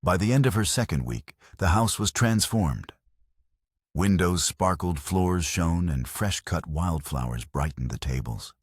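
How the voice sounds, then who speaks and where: A man narrating a western story in a slow, measured storybook reading. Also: deep voice, animated, husky, dry recording, studio quality.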